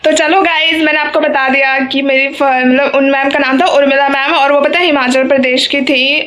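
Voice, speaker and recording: High-voiced young woman vlogging. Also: flat delivery, moderate pace, a bit bright. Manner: emotional, rambling, self-correcting. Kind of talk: casual vlog talk.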